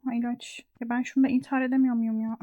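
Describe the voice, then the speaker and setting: Young woman with bright, high voice. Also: little pitch movement, fairly quick, no room sound, muffled recording. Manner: reactive, swears freely, jokes at the game. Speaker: gaming channel host. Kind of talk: casual let's-play commentary.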